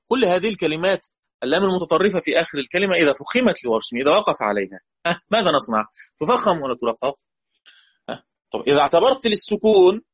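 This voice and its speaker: A man's voice: on the high side, breathy edge. A man with an Egyptian accent teaching Quran recitation rules in a classroom lecture, who questions the students and repeats and chants the example words. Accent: Egyptian Arabic. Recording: dull lo-fi recording.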